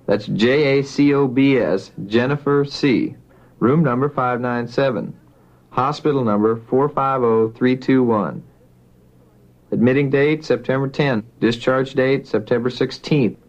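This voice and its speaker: A male doctor dictating a medical report into a dictaphone, measured and deliberate, spelling out names and numbers. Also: medium pitch, muffled recording.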